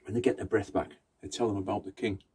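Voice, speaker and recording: A Romani storyteller with a lowish, slightly rough, somewhat mellow voice tells a folktale in a conversational way. He talks fast with fairly even intonation, using short phrases and rhythmic repetition.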